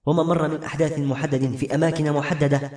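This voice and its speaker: A man narrating a novel as an audiobook in a steady, brisk storytelling manner. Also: a little high. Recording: roomy echoey room.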